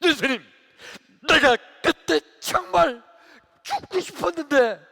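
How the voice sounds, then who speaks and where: Male pastor doing a high, loud, wailing deacon, reverberant sanctuary. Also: moderate pace. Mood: protesting. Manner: wailing, complaining, protesting. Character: distraught church deacon pleading with Jesus. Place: church sanctuary. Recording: reverberant church hall.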